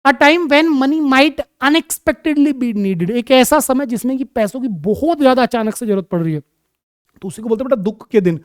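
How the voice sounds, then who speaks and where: A man teaching an exam-prep English vocabulary lesson in a mix of Hindi and English. He talks to his students fondly, calling them "my child", and spells words out slowly, letter by letter. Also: extremely high pitch, animated, smooth, no echo, studio quality. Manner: affectionate, calls students "my child" and "beta".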